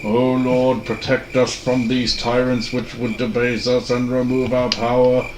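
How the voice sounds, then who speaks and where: A man voicing a solemn dark cleric who intones prayers like incantations in a tabletop game. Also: medium pitch, flat delivery, measured pace, close to an everyday voice. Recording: very noisy, echoey room tabletop recording.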